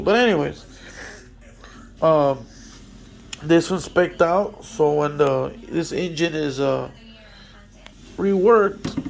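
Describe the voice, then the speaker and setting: A man's voice: fairly high pitch, gravelly. A man explaining a motorcycle repair in a casual workshop walkthrough, rambling with many fillers and restarts, blunt and swearing now and then. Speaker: motorcycle mechanic.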